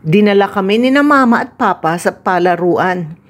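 A woman reading a children's picture book aloud in a gentle, expressive storytelling voice. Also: medium pitch, moderate pace. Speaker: storybook reader.

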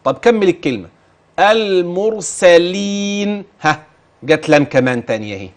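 A man with an Egyptian Arabic accent teaching Quran recitation, asking questions and reciting example words slowly and drawn out. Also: mid-range voice, sing-song. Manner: patient, questioning and drilling the listener. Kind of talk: tajweed lesson, modelling recitation.

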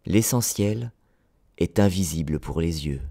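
Man doing a calm wise old fox, lowish voice, slow and measured. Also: creaky, exaggerated voice. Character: wise calm male fox sharing a secret.

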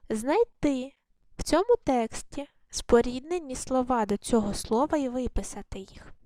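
A woman teaching a primary school class in a recorded lesson, her voice sitting a little high. She talks patiently, asks a question and then answers it herself, and stumbles now and then into fillers and self-corrections. The recording is dry and close, with no room sound. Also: darkish tone, no room sound.

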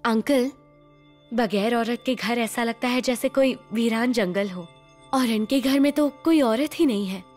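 A sweet, coaxing young woman in a dubbed film, mixing English words into her talk. Her voice sits high, and loud film music runs behind it. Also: a little slow. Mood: pleading. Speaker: young woman persuading an elder. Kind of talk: Hindi film dubbing.

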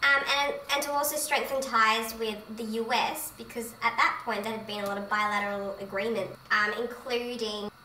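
Bright young woman vlogging in an echoey kitchen. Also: on the high side, fairly even intonation, moderate pace, few pauses, distant mic, slight background noise. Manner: explains in short phrases, talking while she works. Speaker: vlogger presenting a study topic. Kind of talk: casual explanatory vlog while baking. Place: home kitchen. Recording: echoey room, voice from off-mic.

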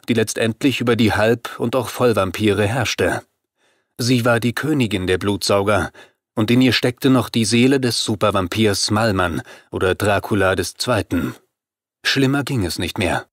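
A man reading a horror novel aloud as first-person narrator, in a steady, measured way. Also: fairly low pitch, no room sound, clean studio sound. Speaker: audiobook narrator.

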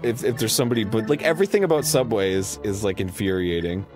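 A young man co-hosting a casual gaming chat, rambling and repeating himself between bursts of loud laughter. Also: lowish voice, fast, soft background music. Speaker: co-host. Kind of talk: casual chat over a video game.

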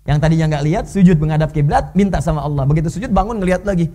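An Indonesian man preaching in a mosque at a quick clip. His voice sits a little high, and his storytelling is animated. It rises sharply whenever he acts out a moment. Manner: animated storytelling, leaps high when voicing characters. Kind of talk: sermon.

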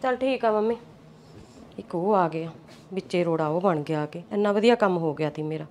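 An actress playing a resentful, scheming elder daughter-in-law who grumbles and snaps back. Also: female voice, on the low side, normal speed, natural voice. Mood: sulky. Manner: grumbling, sulky, sharp-tongued. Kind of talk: amateur village short-film acting.

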